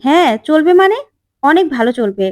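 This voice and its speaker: An eager young husband with a light, cheerful manner, read by a woman. His voice stays bright and easy. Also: high-pitched, a little fast, voice pushed up, close to an everyday voice.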